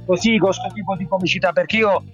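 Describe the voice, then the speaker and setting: A man's voice: sits high, steady tone, fast talker. A man with a Sicilian accent chatting casually as a comic guest, emphatic and jokey, often repeating his phrases. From Sicily, Italy. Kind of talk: casual chat. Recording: dull lo-fi radio sound with music.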